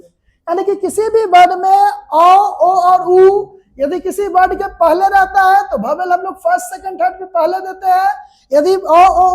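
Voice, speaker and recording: Hindi-accent lady teaching shorthand, super high voice, keeps quizzing the class as she goes. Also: a little mellow. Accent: Indian Hindi. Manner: explains step by step with repeated quiz questions. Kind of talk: classroom lecture.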